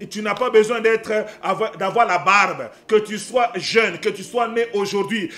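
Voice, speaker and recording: A man preaching a sermon with fervour, often rising to a shout and repeating phrases. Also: high voice. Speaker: pastor.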